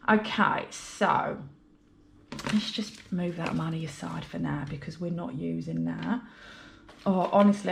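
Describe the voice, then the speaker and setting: While tallying money for her budget vlog, this British woman with a cold-blocked nose keeps up a chatty, rambling, apologetic patter. She speaks in a lowish voice with vocal fry, and a little hiss or hum can be heard.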